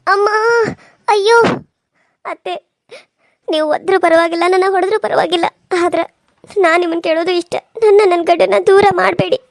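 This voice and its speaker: A gentle cartoon daughter-in-law, voiced by a woman, pleads in a very high, thin voice. She talks quickly and tearfully. The sound is dry and close. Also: fairly even intonation, creaky, no room sound. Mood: pleading. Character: meek, loving young wife from a poor family. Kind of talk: cartoon serial voice acting.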